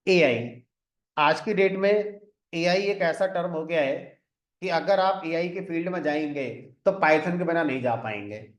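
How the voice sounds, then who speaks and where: A man's voice: a little high, measured pace, muffled recording. A man teaching a programming class step by step, mixing English terms into his Hindi and often checking in with the students. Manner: explains step by step, often adds "ठीक है" to check in. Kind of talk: classroom lecture. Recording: echoey room.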